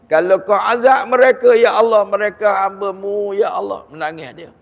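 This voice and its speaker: A man with a Malaysian Malay accent giving a Ramadan sermon, lively and storytelling, with jokes and rhetorical questions. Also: sits high, normal speed, vocal fry. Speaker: religious teacher giving a Ramadan talk. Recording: long hall reverb.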